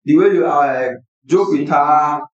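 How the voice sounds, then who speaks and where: A man giving advice as a guest in casual chat, halting and repeating phrases. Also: fairly high pitch. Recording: distant, echoey, dull microphone.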